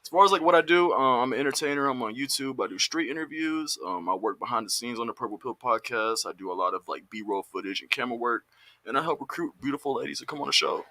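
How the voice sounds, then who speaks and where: A man in his twenties from Dallas, introducing himself on a podcast in a relaxed, candid way. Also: medium pitch, fast, no echo. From Dallas, Texas. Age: 20s. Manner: relaxed, candid, laughing a little. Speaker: podcast crew member. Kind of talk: casual podcast talk.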